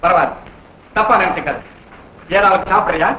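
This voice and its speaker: An actor playing a brusque, bossy village elder in a 1960s film comedy scene, on a very echoey, distant, noisy old film soundtrack. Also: male voice, high-pitched, brisk, pushed and bright, dull audio.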